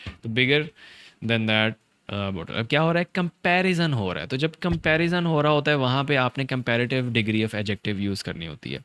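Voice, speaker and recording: Slow, clear-voiced male grammar teacher. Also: medium pitch, lively intonation, fairly bright tone. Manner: mixes Hindi-Urdu and English, drawn-out English examples, quick asides. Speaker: IELTS teacher. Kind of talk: online grammar lesson.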